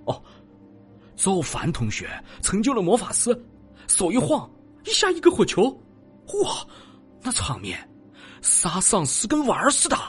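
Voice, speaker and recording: A man voicing an excitable young male student who tells things in an animated, breathless rush. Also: sits high, very fast, hardly any pauses, faint music behind, voice pushed up. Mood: excited. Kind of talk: audiobook character voice.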